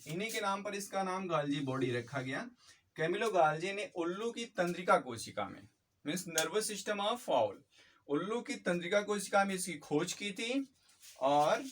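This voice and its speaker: Fast-talking male biology teacher. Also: sits high, fairly bright tone, far from the mic. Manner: quick, repetitive explanations mixing in English terms. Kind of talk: fast-paced biology lecture.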